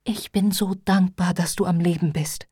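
A woman's voice: lowish voice, steady tone, moderate pace, dark tone, slightly rough, dry recording, clean studio sound. A woman reading a trembling, distraught mother. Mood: tender. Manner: trembling, pleading. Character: worried middle-aged mother, anxious and pleading. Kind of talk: audiobook character reading.

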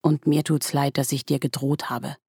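A woman reading a German audiobook, voicing a shy, gentle and eager young man in a soft, slightly awkward way. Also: very deep voice, little pitch movement, moderate pace, vocal fry, slightly rough, dry recording, studio quality, exaggerated voice. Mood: pleading. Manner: soft, warm, a little awkward.

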